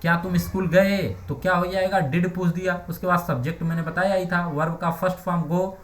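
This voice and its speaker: A man's voice: high-pitched, fairly even intonation, a little fast, a little hiss or hum. A man teaching English grammar in Hindi, putting questions to the class and answering them himself, repeating key terms. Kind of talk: Hindi-medium grammar lesson. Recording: echoey room.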